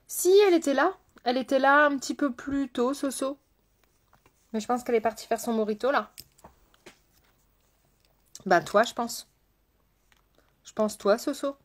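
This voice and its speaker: A chatty woman hosts a live makeup stream, talking to her viewers as she works. She greets them by name, repeats her phrases, and at times slows down into a soft, almost hypnotic murmur. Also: fairly high pitch. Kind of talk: casual live-stream chat while doing makeup.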